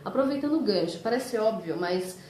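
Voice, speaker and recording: A woman hosts a casual talk, leading with questions and offering quick agreeing replies. Her mid-pitched voice sounds echoey in the room. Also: lively intonation, mellow. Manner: prompting, agreeing with short backchannels. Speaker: host.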